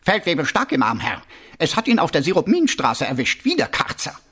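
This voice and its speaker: A man's voice: fairly high pitch, huge pitch swings, fairly quick, bright, forceful tone, breathy edge, pitched above the performer's own voice, heavily acted. A man voicing an earnest young male watch captain who reports dutifully and formally to his superior.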